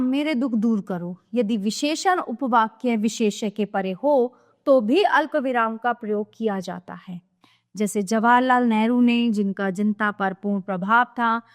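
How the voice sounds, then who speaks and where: A woman teacher giving a scripted grammar lesson to children, explaining clearly and steadily. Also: fairly high pitch, a little slow.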